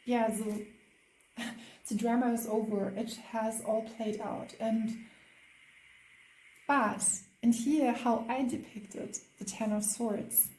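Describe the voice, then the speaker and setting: A woman's voice: a little high, steady tone, slow pace, pauses often, roomy sound, slight background noise, poor audio. A woman with a German accent doing a spiritual tarot reading, hesitant and full of fillers. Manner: hesitant, many fillers, soft laughs. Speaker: tarot card reader.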